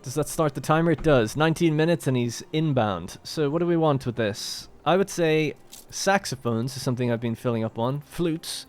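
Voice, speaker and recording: A man's voice: a little high, expressive, normal speed, hardly any pauses, smooth, soft background music. A man hosting a let's play, talking casually and thinking aloud as he plays a strategy game. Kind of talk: gameplay commentary.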